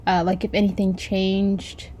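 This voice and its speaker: A woman conducting an oral history interview, asking polite, measured questions with a few fillers. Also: mid-range voice, monotone, dark tone.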